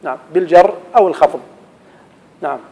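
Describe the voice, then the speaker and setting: A man's voice: on the high side, fast talker, gravelly, warm tone, in a large hall, muffled recording. A man teaching an Arabic grammar lesson, quizzing his students and reciting verse. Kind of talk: classroom lesson.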